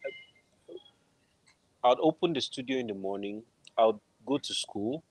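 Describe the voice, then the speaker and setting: With an animated yet unhurried mid-range voice, a middle-aged Nigerian-accented film composer tells a personal story conversationally as an interview guest. He's on a video call from an indoor room at home, and the recording is rough with no echo.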